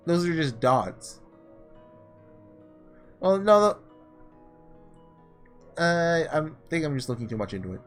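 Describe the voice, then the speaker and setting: In a casual let's-play of a visual novel, a man reads the dialogue and thinks aloud over background music. His slightly high voice is very animated, though his pace is slow with long pauses.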